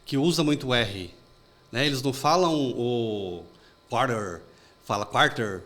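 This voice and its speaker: A podcast host with a medium-pitched, slightly bright voice runs an interview in a casual way. He talks fast and chattily, telling plenty of anecdotes.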